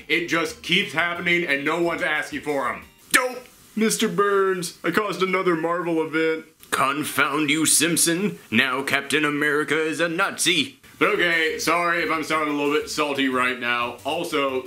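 A man in his thirties giving sarcastic, animated vlog commentary as a show host, with a steady hiss behind him. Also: medium pitch. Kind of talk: energetic vlog commentary to camera. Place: small indoor room with shelves. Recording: roomy, with steady background hiss.

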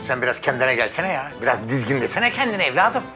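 A man's voice: medium pitch, very animated, fast, over music, close to an everyday voice. An actor playing a mild, fussy barber father in his sixties in a sitcom. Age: 60s. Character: good-natured older male barber, fussy. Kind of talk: sitcom acting.

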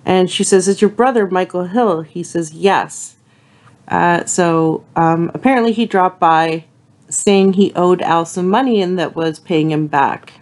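Woman reading a novel aloud, lowish voice. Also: a little mellow. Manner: unhurried, with frequent ums and uhs between passages.

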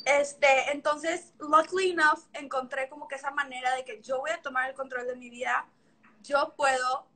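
A woman's voice: sits high, fairly even intonation, normal speed, sharp tone. A young woman with a Mexican accent, telling her story in a casual video chat and acting out remembered dialogue. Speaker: guest, former figure skater. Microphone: video call.

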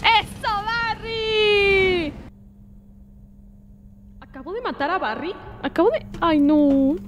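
Excitable high-voiced woman streamer. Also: normal speed, heavy background noise. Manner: excitable, shrieking reactions, translating game lines. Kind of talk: gameplay commentary. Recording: game music behind.

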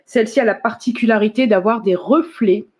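A woman's voice: on the high side, a little fast, a little mellow. Chatty woman from France hosting a casual live demo, laughs often, corrects herself. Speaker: host of a live product demo. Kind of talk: casual live stream chat.

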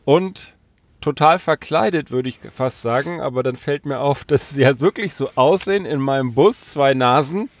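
A man's voice: mid-range voice, normal speed, dry recording. A man from Berlin hosting a casual podcast chat from inside a parked van, teasing his co-hosts with playful introductions. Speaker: podcast host. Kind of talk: casual chat among friends.

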